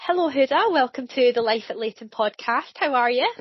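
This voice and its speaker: Woman podcast host, friendly and welcoming, slightly high voice, dull dry audio. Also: lively intonation, fairly quick, husky, no echo, soft background music. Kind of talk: casual interview hosting.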